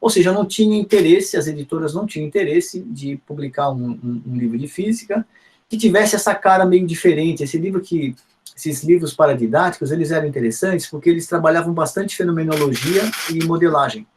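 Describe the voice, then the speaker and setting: A man's voice: on the high side, a little fast. A middle-aged man from São Paulo with a Paulistano accent, giving a conversational university lecture full of tag questions and restarts. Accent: Paulistano Portuguese. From São Paulo, Brazil. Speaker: guest lecturer, physics education professor.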